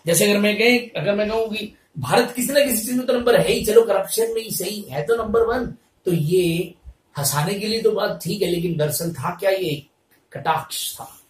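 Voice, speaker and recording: A man's voice: high voice, moderate pace. A man teaching vocabulary for exams, explaining words through chatty comic stories and checking in with his students as he goes. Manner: chatty storytelling with comic examples, frequent "theek hai na". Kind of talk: exam-prep lesson explaining word meanings. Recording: echoey room, mic set far away.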